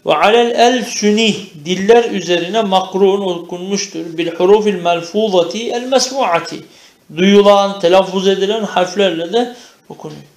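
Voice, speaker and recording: A Turkish-accented man leads a class with a fairly high voice. He reads Arabic phrase by phrase, translates each one and quizzes the room as he goes. His voice rings with the echo of the room. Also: moderate pace. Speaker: Arabic and theology teacher. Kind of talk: classroom lesson, reading Arabic text and explaining in Turkish. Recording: echoey room.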